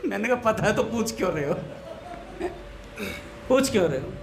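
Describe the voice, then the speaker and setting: A satsang speaker gives a devotional talk in a storytelling style, blending everyday anecdotes with a funny tale of lisping brothers whose voices he mimics for comic effect. His voice sits high and gravelly, with lively intonation and a moderate pace, over background noise.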